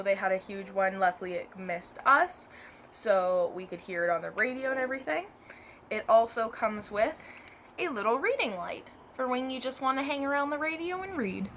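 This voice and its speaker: At normal speed, this woman speaks in a medium-pitched, fairly bright tone against slight background noise. As a product reviewer, she chats casually through a hands-on demo and corrects herself repeatedly.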